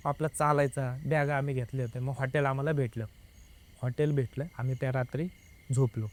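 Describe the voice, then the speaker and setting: A man's voice: mid-range voice, a little fast. Young man telling a story casually. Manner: lively, re-enacts dialogue with many "I said" tags. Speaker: guest telling a personal ghost experience.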